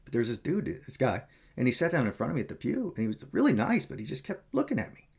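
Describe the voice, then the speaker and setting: A man's voice: mid-range voice, huge pitch swings, fast talker, gravelly, slightly rough. A man talking in a casual, rambling vlog monologue, candid and meandering as he tells stories. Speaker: vlogger.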